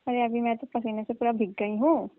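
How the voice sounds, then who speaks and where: In a comic phone-call skit, a woman takes the role of a village aunt who coaxes and flirts pushily, her high-ish voice colloquial and teasing. She speaks a little fast with fairly even intonation and a natural delivery. The audio is thin and dry like a recorded call, with no echo.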